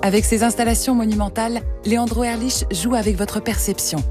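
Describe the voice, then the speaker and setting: A woman's voice: a little high, steady tone, brisk. A woman announcer reading a scripted radio advertisement with a punchy, promotional delivery. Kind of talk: scripted ad narration. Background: music.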